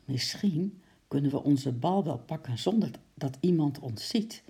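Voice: medium pitch, lively intonation, unhurried, dark tone, slightly rough, exaggerated voice. A storyteller voicing a bold older boy who leads a break-in, talking brash and eager. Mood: scheming.

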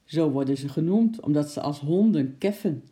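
A lady reading as a jolly zoo uncle, cheerful, explains stuff, mellow dark tone. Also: sits low, animated, moderate pace. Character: cheerful uncle zookeeper, friendly man.

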